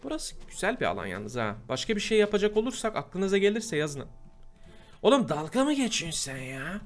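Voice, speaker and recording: A man giving casual gameplay commentary, chatty and prone to loud, exasperated outbursts. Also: sits high, sing-song, a little fast. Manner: chatty, bursts into loud exasperated shouting at mobs. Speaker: gameplay host. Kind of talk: casual Minecraft let's play commentary.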